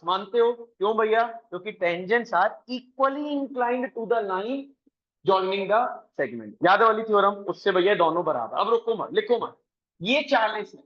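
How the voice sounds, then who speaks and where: A man teaching a coaching class, briskly quizzing his students and mixing English math terms into his talk. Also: high-pitched, pushed and bright, lo-fi sound. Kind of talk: classroom lesson.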